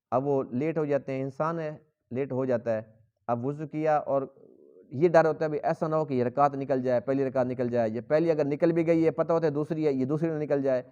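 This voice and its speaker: A man's voice: on the high side, darkish tone. A man with a Pakistani Urdu accent giving a Quran lesson in a mosque, earnestly explaining and asking rhetorical questions. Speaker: Quran teacher. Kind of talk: sermon. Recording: dull lo-fi recording.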